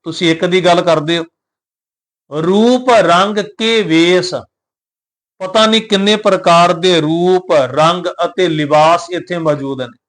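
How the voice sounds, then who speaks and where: A man with a high voice teaches scripture recitation, drawing out each verse line in a slow chant. Between the lines he speaks calmly and plainly, spelling out letters, pauses and meanings for his listeners. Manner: calm, explanatory, spells out pronunciation. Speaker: Gurbani teacher.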